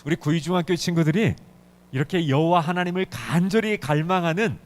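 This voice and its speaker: A middle-aged male pastor preaching a sermon in a church, emphatic and urgent, pushing key words hard. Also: fairly quick. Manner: emphatic, swings pitch up and down for emphasis. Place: church sanctuary.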